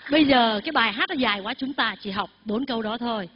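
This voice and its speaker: A woman's voice: a little high, fast, slightly rough. An older woman, a Buddhist nun giving a Dharma talk and leading her congregation in recitation. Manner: leads the congregation in call-and-response recitation. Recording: echoey hall, dull lo-fi sound, faint music.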